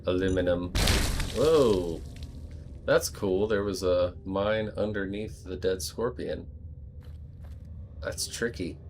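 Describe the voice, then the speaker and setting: A man's voice: low voice, slow, long pauses, noisy background. An American man giving casual, rambling gameplay commentary with joking asides. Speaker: let's play host.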